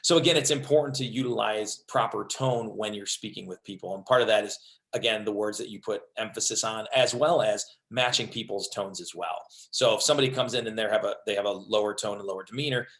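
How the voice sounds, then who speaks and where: A man's voice: fairly low pitch, fast talker, a bit bright. A man in his thirties giving an upbeat, conversational webinar presentation on leadership, with frequent fillers.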